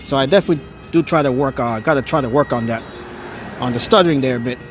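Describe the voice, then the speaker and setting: A man with a medium-pitched voice talks quickly as he live-streams a walk down a neighborhood street at night, touring holiday lights with music in the background. He narrates casually and in awe, chuckling often and stammering now and then. The audio comes from a phone on a handheld gimbal.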